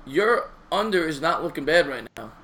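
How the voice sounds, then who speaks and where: A man's voice: fairly high pitch, crowd noise. A man co-hosting a live sports stream, calling plays and chatting casually about the game. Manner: excited play-by-play calls, quick agreeing interjections. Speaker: live stream co-host doing play-by-play.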